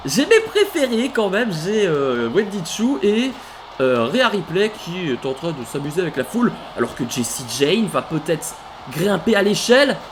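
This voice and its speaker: A man calling a wrestling video game match play by play, animated, bursting into shouts at big moves and stopping to correct himself. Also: sits high, slight background noise. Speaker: let's play commentator. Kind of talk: excited play-by-play game commentary.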